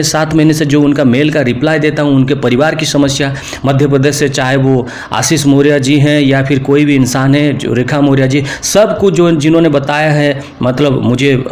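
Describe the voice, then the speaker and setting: A man's voice: a little high, darkish tone. A man with an Indian accent, a spiritual teacher, giving an earnest, informal spoken lesson to camera and often repeating himself. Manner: earnest, repetitive, mixes English words into speech.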